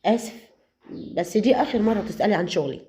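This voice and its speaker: A woman's voice: mid-range voice, expressive, fast, dark tone, a little hiss or hum, lightly acted. A woman with an Egyptian Arabic accent voicing a suspicious young man who works in intelligence, probing and insistent. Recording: slightly muffled lo-fi audio.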